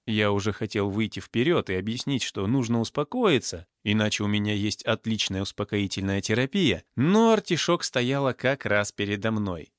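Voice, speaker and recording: A man narrates an audiobook in a lively storytelling way. His pitch moves a lot, and the recording is dry and close with no room sound. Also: moderate pace, few pauses, no room sound. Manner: lively storytelling, soft asides.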